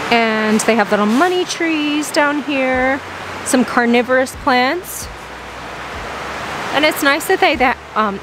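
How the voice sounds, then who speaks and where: A young woman with a slightly high voice gushes over plants as she wanders a big greenhouse nursery, filming on a handheld phone. She exclaims and reads price tags aloud. A steady hiss of noise sits under her voice. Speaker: plant vlogger. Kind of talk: excited plant-shopping vlog. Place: large indoor greenhouse nursery. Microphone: handheld phone camera.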